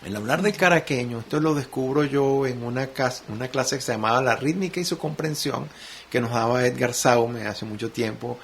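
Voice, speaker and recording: A man with a Caracas Venezuelan accent speaks as a radio interview guest, gravelly and full of fry. He tells stories with animation, restarting his phrases as he thinks aloud. A faint hiss sits under the studio sound. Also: mid-range voice, moderate pace. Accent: Caracas Venezuelan Spanish. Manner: reflective, animated storyteller, many restarts. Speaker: guest musician and sound artist.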